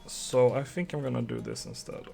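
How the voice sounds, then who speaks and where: A man's voice: mid-range voice, wildly swooping pitch, normal speed, creaky, darkish tone, faint music behind. A young man from Sweden with a Swedish accent, chatting casually with viewers and muttering to himself while he codes a game on a live stream.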